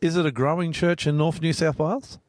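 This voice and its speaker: A man's voice: a little high, fairly even intonation, fairly quick, dry recording. A man from Australia interviewing a guest, chatty and curious, often restarting his questions. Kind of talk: conversational interview.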